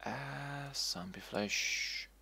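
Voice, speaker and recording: A man's voice: medium pitch, drawn-out words, creaky, noisy background. A man streaming a game, talking casually in a rambling way and often repeating and restarting himself. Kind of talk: casual gameplay commentary.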